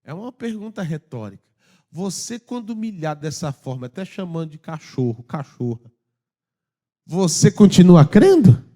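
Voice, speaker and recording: High-voiced impassioned Brazilian pastor. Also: male voice, sing-song, normal speed. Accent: Brazilian Portuguese. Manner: impassioned preaching, swinging from loud urging to hushed asides. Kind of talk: sermon. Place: church.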